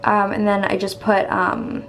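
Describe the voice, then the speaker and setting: A woman's voice: medium pitch, monotone, measured pace, a bit bright. A young American woman chatting casually to her vlog in a bubbly, gushing sorority-girl manner. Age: young adult. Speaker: college student vlogger. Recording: noisy handheld vlog audio.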